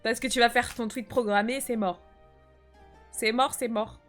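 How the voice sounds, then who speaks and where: A woman's voice: on the high side, fairly even intonation, normal speed, a bit bright, faint music behind. A young woman streaming from home, chatting casually in slangy banter and reading her chat aloud.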